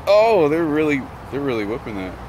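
A young man hosting a fishing vlog outdoors by a pond, chatting and laughing, yelling when fish bite. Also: a little high, very animated, brisk, a little hiss or hum. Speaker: fishing channel host. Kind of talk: excited outdoor vlog chat.

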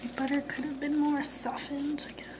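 A woman's voice: high-pitched, level tone, moderate pace, rough recording. A woman and mother cooking at home, chatting casually to herself and her kids, sometimes dropping to a whisper. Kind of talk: casual cooking vlog chat. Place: home kitchen, indoors. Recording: loud kitchen noise with sizzling food.

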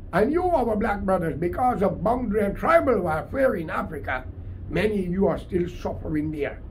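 Speaking to camera from a small, cluttered indoor room, an older Guyanese-accented political commentator in his sixties launches into an unscripted, combative, emphatic monologue. His voice is high-pitched, the recording is low quality, and background room noise comes through clearly.

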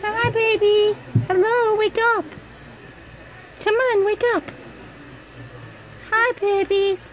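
Woman, gentle coaxing baby talk, very high voice, slow. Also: fairly even intonation. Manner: soft, repetitive coaxing. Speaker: customer filming puppies in a pet store. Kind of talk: cooing baby talk to puppies. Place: indoor pet store. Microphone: handheld phone.

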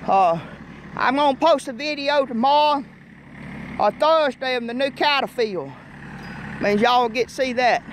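A man's voice: very high-pitched, a little slow, pauses often. Folksy man over tractor noise. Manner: rambling, folksy, loose grammar. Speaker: farm vlogger. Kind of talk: casual farm vlog. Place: outdoors on a farm field beside a running tractor. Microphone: phone camera. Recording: outdoor phone audio with loud engine noise.

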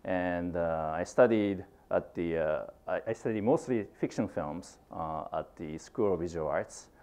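A middle-aged Japanese filmmaker with a Japanese accent gives a guest university lecture in a lecture room. His voice is on the low side with a darkish tone, and he speaks in halting phrases filled with fillers and restarts.

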